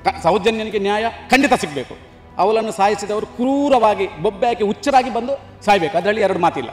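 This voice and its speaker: Indignant local man, high-pitched. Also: animated, brisk, faint music behind. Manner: emphatic, indignant, repeats his points. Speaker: local worker interviewed on the street. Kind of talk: street interview. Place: outdoors near a temple town.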